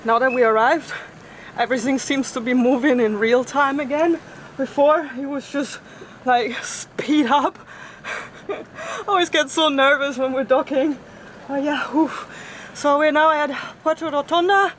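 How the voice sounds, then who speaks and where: A woman in her thirties vlogging casually from a sailboat in a marina, chatty and quick to laugh, filmed on a handheld action camera. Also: high voice, slight background noise. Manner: chatty, laughs often, excitable. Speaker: sailing vlogger. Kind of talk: casual vlog talk. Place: outdoors on a sailboat deck in a marina. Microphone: action camera at arm's length.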